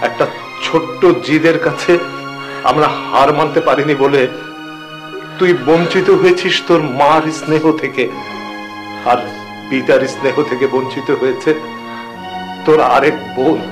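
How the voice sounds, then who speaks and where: A middle-aged actor playing a remorseful father who speaks gravely and hesitantly in a TV drama. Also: a little high, steady tone, measured pace, long pauses, over music, natural voice. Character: remorseful father revealing a family secret. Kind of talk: TV drama acting.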